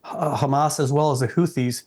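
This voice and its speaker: In an interview, a middle-aged guest from South Vietnam answers in English at normal speed, his slightly high voice steady and darkish. He speaks earnestly and respectfully, often beginning his sentences again.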